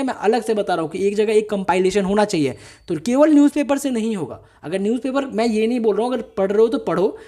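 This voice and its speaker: Emphatic man teaching with a mellow voice. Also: high-pitched. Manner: emphatic, rhetorical questions, mixes English phrases. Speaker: exam-prep teacher. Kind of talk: YouTube lecture.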